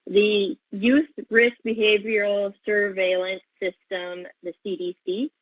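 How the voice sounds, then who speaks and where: A woman clinical pharmacist answering webinar questions over a video call, measured, with frequent filler pauses. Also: medium pitch, little pitch movement, no echo, poor audio.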